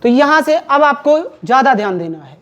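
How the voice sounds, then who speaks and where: High-pitched woman teacher quizzing a class. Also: sing-song, a little fast, a bit bright. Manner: quizzing students, call-and-response, repetitive. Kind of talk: classroom Hindi grammar lecture. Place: classroom with students.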